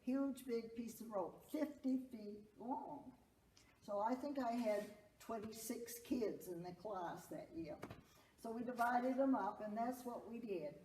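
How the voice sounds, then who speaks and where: A woman's voice: a little high, a little slow, dark tone. An older woman with a stuffed-up nose, giving an informal local talk in a projected, folksy teacher's voice. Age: older, around her 60s or 70s. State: congested from allergies. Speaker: speaker, schoolteacher. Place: indoor public talk in a roomy space. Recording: echoey room, distant mic, noisy, clicks.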